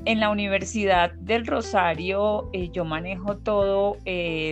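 Colombian woman professor, lower voice. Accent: Colombian Spanish. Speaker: occupational therapy professor, guest. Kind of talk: podcast interview.

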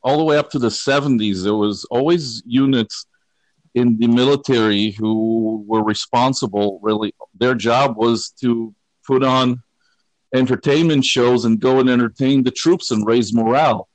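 A man's voice: mid-range voice, normal speed, dry recording, poor audio. A man from Israel, a guitarist talking casually and with dry humor as an interview guest. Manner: relaxed, rambling, self-deprecating humor. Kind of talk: conversational interview.

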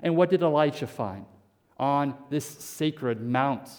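A man's voice: medium pitch, animated, slow, darkish tone, long reverb tail. A male pastor preaching a sermon, asking rhetorical questions and repeating words as he restarts. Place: church sanctuary.

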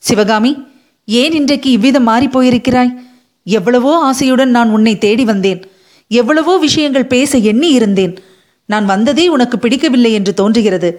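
A bold young prince, as a woman narrator puts him on, without much change from her own voice and a little higher than the narration. He teases with a mocking edge, then turns earnest and pleading. This is an audiobook reading. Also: moderate pace, a little mellow, lightly acted. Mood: teasing, earnest. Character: young male crown prince, bold and teasing. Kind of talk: audiobook character voice.

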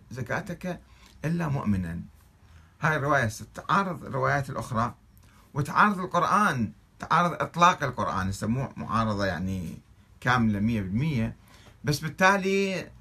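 Fast, husky Iraqi man arguing a point. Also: mid-range voice, pushed and bright. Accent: Iraqi Arabic. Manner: argumentative, fires off rhetorical questions. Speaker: religious commentator. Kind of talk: reading and critiquing religious texts.

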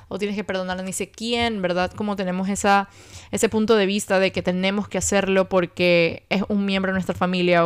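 Young woman host, smooth and clear, intimate and soft-spoken, personal reflective podcast monologue. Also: medium pitch. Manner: soft-spoken and intimate, with many fillers and rhetorical "¿verdad?".

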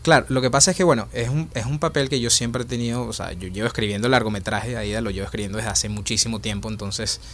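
A man's voice: on the low side, quick pace, few pauses, fairly bright tone, a little hiss or hum. A young Venezuelan man with a Venezuelan accent, answering interview questions about his short film, thoughtful and full of hesitations. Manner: thoughtful, many fillers and restarts. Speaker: filmmaker and actor.

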